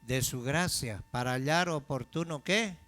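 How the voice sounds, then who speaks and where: A man preaching a sermon as pastor, asking the congregation questions and slowing down to stress key phrases. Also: mid-range voice, a bit bright. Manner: call-and-response questions to the congregation.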